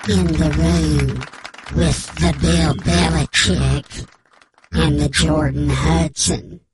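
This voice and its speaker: Give me a man doing a secret informant with a disguised, gravelly voice. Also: fairly high pitch, fairly even intonation, over a noisy crowd, poor audio. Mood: grave, mock-secretive. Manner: slow, solemn and mock-dramatic. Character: anonymous male informant with disguised voice. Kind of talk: comic bit on sports talk radio.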